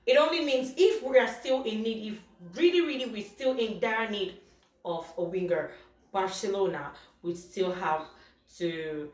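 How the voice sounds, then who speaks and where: Football vlogger, woman, upset, repeats herself; echoey room, off-mic. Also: a little high. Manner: upset, exasperated, repetitive. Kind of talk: casual vlog commentary. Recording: echoey room heard from a distance.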